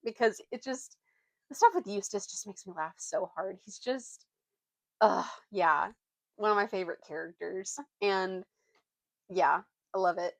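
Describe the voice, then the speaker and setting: A young woman with a mid-range voice and an informal, youthful manner reads a storybook aloud and chats casually as a vlogger. She keeps a measured pace with long pauses, and there's no echo.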